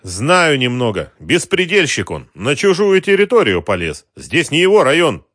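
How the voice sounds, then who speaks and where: Man doing a brisk, angry market boss. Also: a little high, dry recording, clean studio sound, voice pushed up, full character voice. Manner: energetic, curt, cursing. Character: brisk, angry male boss around thirty.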